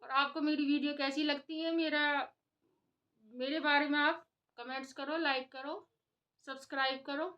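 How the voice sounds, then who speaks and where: A woman's voice: sits high, flat delivery, normal speed, dull audio. A woman giving an impassioned opinion commentary in a vlog, scolding her listeners and repeating her points for emphasis. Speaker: vlogger.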